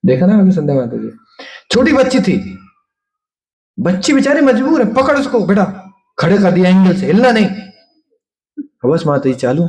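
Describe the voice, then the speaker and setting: A man giving a devotional talk, telling stories in an animated way and playfully acting out the people in them. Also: high-pitched, a little fast, long pauses. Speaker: preacher.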